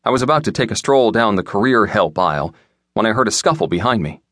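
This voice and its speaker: A man's voice: on the low side, animated, quick pace, a bit bright, dry recording. A man narrating an audiobook in the first person with wry, dry storytelling, on a close studio mic. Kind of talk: scripted narration.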